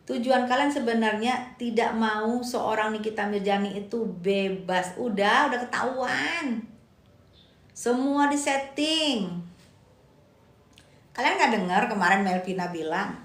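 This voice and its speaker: A woman's voice: on the high side, fairly bright tone, echoey room. A woman giving casual live-stream commentary. She argues emphatically, repeats her points and answers viewer comments aloud.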